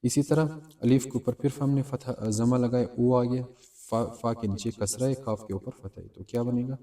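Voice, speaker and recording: A man's voice: medium pitch, fairly even intonation, mellow, distant mic. A man teaching a Quran reading lesson step by step, patiently asking and answering his own questions.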